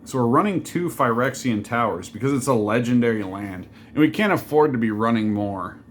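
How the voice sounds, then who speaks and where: A man's voice: mid-range voice, lively intonation, a little fast, a little hiss or hum. A man casually walking through a card game deck, rambling and joking, with many fillers and digressions. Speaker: deck reviewer.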